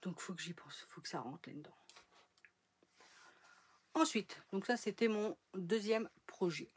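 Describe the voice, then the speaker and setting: A woman's voice: medium pitch, expressive, unhurried, slight background noise. A woman chatting casually in a sewing vlog, rambling with fillers and trailing off as she shows her projects. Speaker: sewing vlogger. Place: home sewing room.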